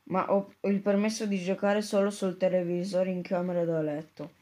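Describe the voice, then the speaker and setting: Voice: medium pitch, flat delivery, moderate pace, darkish tone, lightly acted. A reader voicing a frightened, hesitant boy, the son of a mayor. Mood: nervous.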